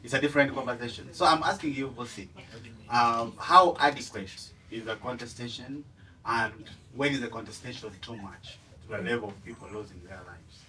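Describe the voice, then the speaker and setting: A man's voice: medium pitch, a little fast, sharp tone, far from the mic, a little hiss or hum, low-quality recording. A man from Uganda, asking an impassioned question from the floor of a forum. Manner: impassioned, rises and falls in force, laughs between points. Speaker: audience member asking a question.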